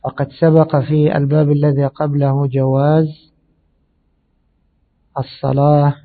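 A man giving a measured religious lesson on hadith, explaining slowly and pausing with fillers. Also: on the high side. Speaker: hadith teacher. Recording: tinny phone-like audio.

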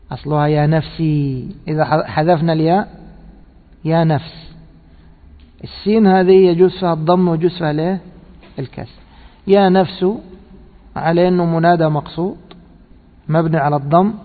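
A man giving a scripture commentary lesson. He reads a text aloud, explains it, and quizzes his listeners with rhetorical questions. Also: a little high. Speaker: religious teacher. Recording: tinny echoey hall recording.

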